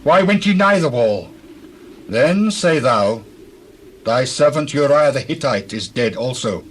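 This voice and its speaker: A man playing a forceful army commander in a dramatized scripture reading, declaiming emphatically in archaic phrasing. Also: medium pitch, lively intonation, measured pace, a little hiss or hum, natural voice. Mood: stern, insistent. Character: forceful male army commander briefing a messenger.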